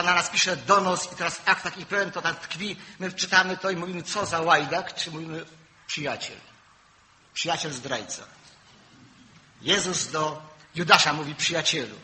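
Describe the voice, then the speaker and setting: An older male preacher gives a sermon in a very bright, forceful, somewhat high voice. He tells stories from his own life. His emphatic points rise loud, then fall into low, murmured asides, over a faint hum of ambient noise. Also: low-quality recording.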